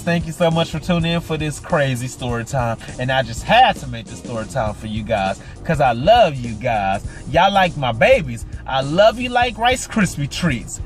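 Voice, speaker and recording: A man vlogging a storytime, retelling a work clash with indignant outbursts and dropping low and quiet for asides. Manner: animated, indignant retelling with sharp pitch jumps; drops low and quiet for asides and sign-offs. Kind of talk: storytime vlog.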